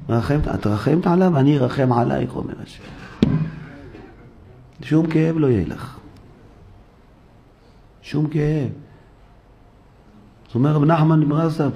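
A man's voice: mid-range voice, creaky. A man, a rabbi, giving a sermon in a synagogue. He tells everyday stories and acts out the people in them. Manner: animated storytelling, acting out the people in his stories. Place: synagogue, recorded for a live broadcast.

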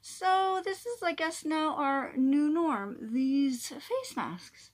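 A woman's voice: high voice, expressive, slow. A woman talking through a face mask as she opens a casual nail art vlog, chatty and upbeat. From Canada. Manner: chatty, upbeat, says "groovy". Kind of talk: casual tutorial chat.

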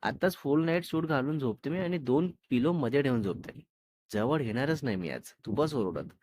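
A man's voice: medium pitch, expressive, moderate pace, darkish tone, lightly acted. A man reading the lines of a sulky, teasing young woman in a storybook tale, in a pleading, complaining way.

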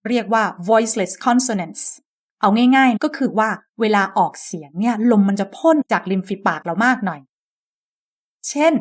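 Slow, high-voiced woman teaching pronunciation. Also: expressive. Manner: models English sounds clearly, repeating each word for the listener to copy. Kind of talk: slow, deliberate pronunciation lesson.

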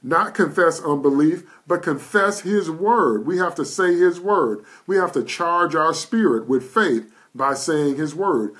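A man's voice: fairly high pitch, a bit bright. A man preaching a live-streamed sermon in an emphatic, repetitive cadence, often checking in with "okay?". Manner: asks "okay?" to check in with listeners. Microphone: live stream setup.

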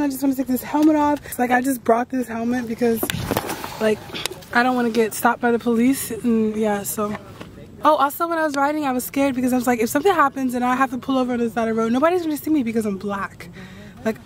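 A tired woman in a rambling, excitable casual vlog to camera, recorded outdoors at night on a handheld phone after a long ride. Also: on the high side. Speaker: travel vlogger.

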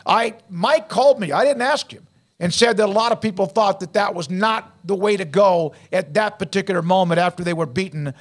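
Older guy hosting sports talk, high voice, firm takes. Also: brisk. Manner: firm, opinionated, builds points in lists. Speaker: lead sports talk host. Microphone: studio mic with headphones.

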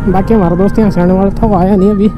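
A man's voice: sits high, level tone, rapid-fire. A young man chatting casually as he vlogs on a motorbike ride, recorded on an action camera over engine noise and music. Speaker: motovlogger. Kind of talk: casual motovlog chat. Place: riding a motorbike outdoors on a highway. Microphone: helmet or bike action camera. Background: engine and wind noise with background music.

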